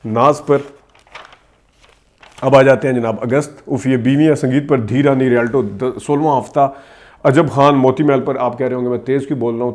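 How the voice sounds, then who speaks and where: A man hosting a rapid film-history commentary, reeling off movie titles fast and adding quick asides. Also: mid-range voice, darkish tone. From Pakistan. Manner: reels off titles quickly, stressing names, with asides. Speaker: host.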